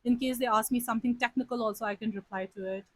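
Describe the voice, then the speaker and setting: A woman in her twenties, a civil services topper being interviewed, gives earnest advice while switching between English and Nepali. Her fairly high, bright voice holds a steady tone at a very fast pace, and the recording is dry and rough.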